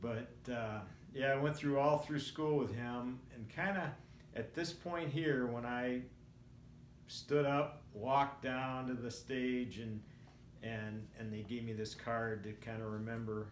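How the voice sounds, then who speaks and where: A roomy, echoing recording with faint noise carries the voice of a man in his sixties. He speaks at an average pitch in a casual vlog style. His delivery is reflective and rambling, with halting stops as he gathers his thoughts. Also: fairly even intonation. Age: 60s. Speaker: vlogger. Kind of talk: casual personal storytelling to camera.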